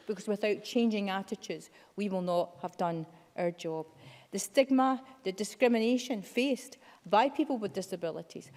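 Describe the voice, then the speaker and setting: A woman's voice: medium pitch, darkish tone. A woman giving a formal, emphatic speech as a member of parliament. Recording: long reverb of a debating chamber.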